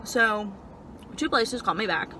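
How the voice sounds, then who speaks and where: Young woman, bright forward voice, chewing while talking, casual storytelling, stop-and-start phrasing, faint background hum. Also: medium pitch, animated. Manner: chatting while eating, chewing between phrases; frequent filler "like", halting stop-and-start phrasing. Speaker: vlogger. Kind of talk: casual personal storytelling chat.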